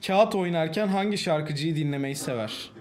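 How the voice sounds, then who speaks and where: A man streamer trading rough, teasing banter in a casual joke challenge. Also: a little high, normal speed.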